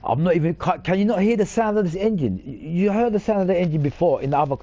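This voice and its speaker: Dark-voiced man rambling over gameplay. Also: sits high, animated, fast. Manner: rambling, boastful, swears casually. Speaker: gaming channel host. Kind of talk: casual gaming commentary.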